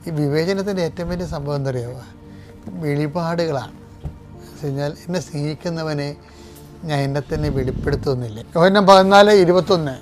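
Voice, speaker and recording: Older priest preaching fervently. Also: male voice, a little high, fairly quick, faint music behind. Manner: fervent, emphatic preaching with sudden loud stresses; leads congregation in repeating scripture line by line. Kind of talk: sermon with prayers.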